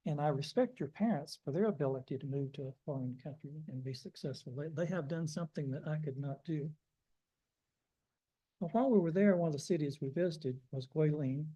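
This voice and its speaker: A man's voice: fairly high pitch, dark tone, poor audio. An older American man telling folksy, self-deprecating stories in a sermon. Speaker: guest preacher. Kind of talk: storytelling sermon.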